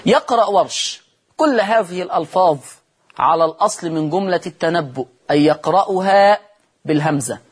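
A man with an Egyptian accent teaching Quran recitation on television, moving between quick explanation and slow, drawn-out chanted verses. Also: sits high, expressive, slightly rough. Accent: Egyptian Arabic. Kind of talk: televised tajweed lesson.

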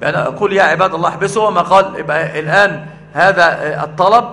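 A man's voice: high voice, fairly even intonation, fast talker, bright, forceful tone, big-room sound. A man with an Egyptian accent explaining a book of religious creed, posing rhetorical questions and repeating his key phrases. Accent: Egyptian Arabic. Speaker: religious lecturer.

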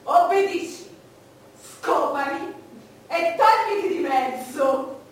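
Haughty high-voiced queen in echoing theatre. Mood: imperious, defiant. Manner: haughty, declamatory, deliberate dramatic pauses. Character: imperious, lustful, proud queen recalling her past. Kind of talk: theatrical stage monologue. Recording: echoey theatre, distant noisy mic.

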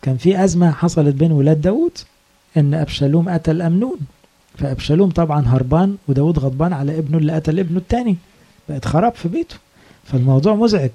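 An Egyptian-accented priest preaches in a casual, storytelling way and keeps asking his listeners questions. His voice is very dark and husky. He talks quickly. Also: a little high. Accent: Egyptian Arabic. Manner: conversational storytelling, rhetorical questions. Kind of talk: sermon.

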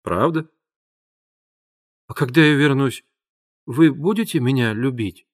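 A man voicing an eager, excited young boy in an audiobook reading. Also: medium pitch, a little slow, close to an everyday voice. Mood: hesitant. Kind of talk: audiobook character voice.

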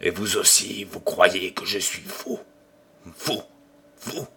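A man reading an audiobook and voicing a tormented old gambler who swings from hushed whispers to furious outbursts. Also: sits low, lively intonation, takes it slowly, gravelly, breathy edge, voice pushed down, exaggerated voice. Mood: raging. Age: older. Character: raving old male gambler haunted by the devil.

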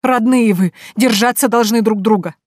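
A raised, wailing voice of an older merchant's wife, as a woman narrator puts her on. She is spiteful and domineering, scolding in an indignant, tearful way. Her voice is louder and higher than the reader's own, and the audiobook recording is dry and close. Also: normal speed, no echo, close to an everyday voice. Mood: pleading.

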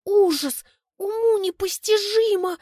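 A woman's voice: very high-pitched, takes it slowly, mellow, no echo, studio quality, pitched above the performer's own voice. A woman reading an audiobook, voicing a melodramatic young heroine who breaks into wailing outbursts. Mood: horrified.

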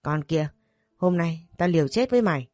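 A furious, jealous young wife, as a woman reads her in a storybook tale, accusing and hysterical. The voice sits low and mellow, recorded dry and close. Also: expressive, moderate pace, dry recording, close to an everyday voice.

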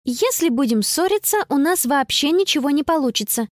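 Woman putting on a jittery young girl, squeaky and breathless, storybook reading, swooping lively voice. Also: fairly quick, no echo, clean studio sound. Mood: pleading. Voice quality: breathless, high-pitched. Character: anxious excitable young girl traveler.

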